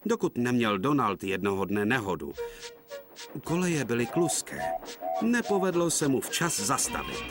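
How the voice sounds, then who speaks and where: A man narrating a dubbed cartoon story in a scripted, expressive storybook style. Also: mid-range voice. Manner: lively, expressive. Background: music.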